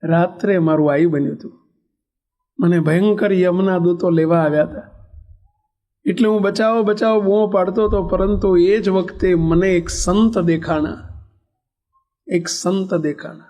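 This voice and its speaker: A man's voice: high-pitched, fairly even intonation, unhurried, long pauses, dark tone. A man, a monk, voicing a repentant middle-aged sinner in a sermon story, earnest and confessing.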